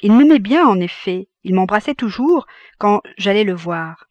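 A man's voice: high voice, expressive, moderate pace, dry recording, dull audio. A woman reading the part of an awkward, earnest young man in an audiobook.

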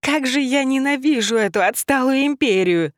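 A woman voicing a small, hysterical, foul-mouthed male rabbit with shrill, snarling yells. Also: expressive, slow pace, dry recording, clean studio sound. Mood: ranting.

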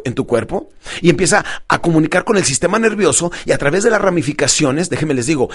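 A man's voice: a little high, slightly rough. A man giving a motivational self-help audio talk. He acts out both sides of conversations and calls his listeners champions. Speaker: motivational speaker.

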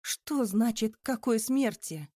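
A woman's voice: medium pitch, moderate pace, mellow, no echo, studio quality, natural voice. A woman voicing a terrified older male banker who pleads and exclaims in rising panic. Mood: panicked.

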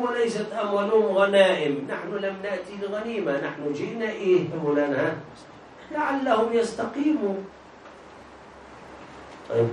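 A man with a notably high voice and an Egyptian accent leads a religious law class, prodding students with questions he leaves hanging for them to finish. He sounds set back from the mic in a roomy, echoing space with a faint hiss underneath. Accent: Egyptian Arabic. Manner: quizzes students with prompting half-questions. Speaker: religious teacher. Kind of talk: classroom lesson on jurisprudence. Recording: echoey room, distant mic, faint hiss.

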